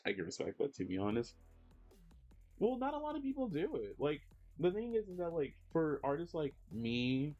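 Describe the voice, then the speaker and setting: Drawing live for his viewers, a thirtysomething streamer rambles at a moderate pace, leaning heavily on fillers. His darkish voice swings hugely in pitch, jumping up as he reacts to chat. The audio is dull and echo-free, with faint background music.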